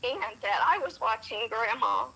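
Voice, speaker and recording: A woman calling in by phone, telling a personal story in a soft, apologetic, emotional way. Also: fairly high pitch, expressive, measured pace, husky, low-quality recording. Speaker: phone-in caller. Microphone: phone on speaker.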